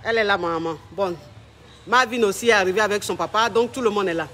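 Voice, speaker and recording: A relationship coach, speaking live from home in a very high, bright, forceful voice. He is a man with a flamboyant and mocking manner, teasing his viewers with theatrical flair. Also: fast talker, slight background noise. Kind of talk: live stream chat. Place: at home with family around.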